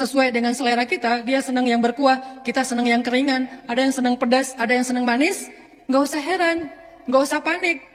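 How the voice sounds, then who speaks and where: A male Islamic preacher giving a relaxed, humorous sermon, acting out everyday examples. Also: very high-pitched. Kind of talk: casual conversational sermon. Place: lecture hall or mosque hall. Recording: long hall reverb.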